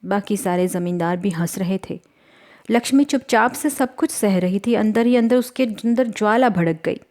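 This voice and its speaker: A woman storyteller reads her serialized novel with earnest drama. Her voice sits at an ordinary middle pitch. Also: moderate pace, a little mellow. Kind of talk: scripted dramatic narration.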